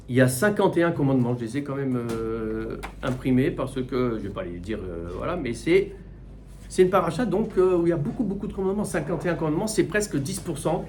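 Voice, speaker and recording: Middle-aged male rabbi, Torah class; animated, repeats himself, rhetorical questions, slightly raised pitch. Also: a little hiss or hum. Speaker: rabbi teaching the weekly portion. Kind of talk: Torah class, spoken teaching.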